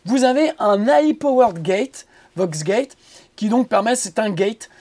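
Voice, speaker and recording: Guy explaining mixing stuff, mellow voice, lots of ums and restarts, jokey. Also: sits high, expressive. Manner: rambling, halting with many fillers and repeated words; joking asides. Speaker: music producer teaching audio mixing. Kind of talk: casual video tutorial.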